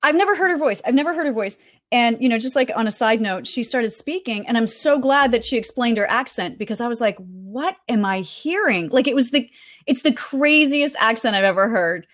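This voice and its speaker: A woman chatting casually as a podcast guest, recapping conference talks in an animated way with plenty of fillers. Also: on the high side, a little fast. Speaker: guest reporting on a marketing conference.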